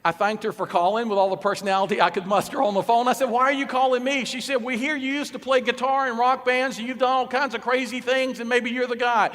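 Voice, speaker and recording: A man giving a storytelling talk, acting out dialogue with lively changes of voice. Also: very high voice, fast talker, hardly any pauses. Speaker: speaker. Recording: speaker in a hall with long reverb.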